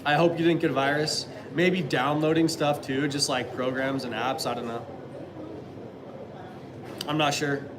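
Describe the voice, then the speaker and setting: A man's voice: on the high side, steady tone, unhurried, pauses often, background noise. A man in his thirties chatting casually on a live stream, answering viewers with rambling, hesitant talk full of fillers and restarts. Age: 30s.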